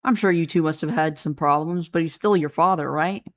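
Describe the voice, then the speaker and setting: A woman's voice: sits low, a little fast. A woman reading the lines of a blunt, pushy male investigator with a Brooklyn accent. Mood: stern.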